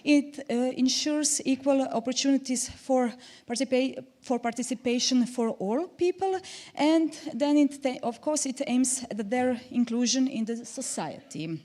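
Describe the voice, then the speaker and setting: A woman's voice: high-pitched, measured pace, darkish tone. A woman from Croatia giving a conference presentation, hesitant, with many filler sounds. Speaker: presenter, social pedagogue.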